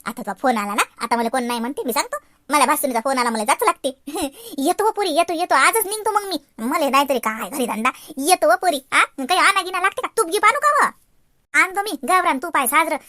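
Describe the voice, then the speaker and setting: A woman voicing a chatty, teasing old village aunt, with a Varhadi Marathi accent and a folksy, drawn-out way of talking, in a cartoon. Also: high-pitched, lively intonation, pushed and bright, no echo, clean studio sound.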